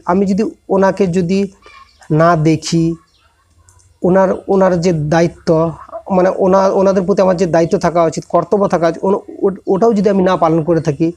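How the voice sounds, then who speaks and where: Higher-pitched man giving an informal moral talk. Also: darkish tone. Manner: conversational, many restarts and self-corrections, addresses listeners directly. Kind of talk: informal motivational lecture to students.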